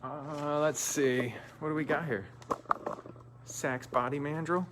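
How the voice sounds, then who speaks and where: A man's voice: a little high, fairly even intonation, slow pace, background noise. A man hosting a live stream in casual, joking banter, talking through a face mask. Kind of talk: casual chat.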